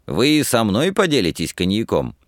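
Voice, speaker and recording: A male reader voicing a jovial, talkative student who exclaims warmly in an audiobook. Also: fairly low pitch, wildly swooping pitch, normal speed, no echo, studio quality. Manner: exclaiming, warm.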